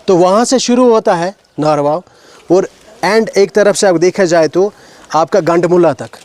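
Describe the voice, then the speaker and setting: High-voiced Kashmiri man guiding a heritage walk. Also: a little mellow. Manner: explanatory, asks questions of the children, mixes in English words. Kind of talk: outdoor talk to schoolchildren. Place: outdoors at a stone heritage site.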